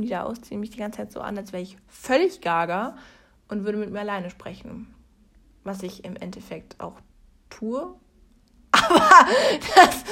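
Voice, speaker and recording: A woman's voice: medium pitch, a bit bright. A woman talking alone at the desk in her room, chatting in a playful, self-mocking way with lots of jokes. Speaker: vlogger. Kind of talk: humorous casual monologue.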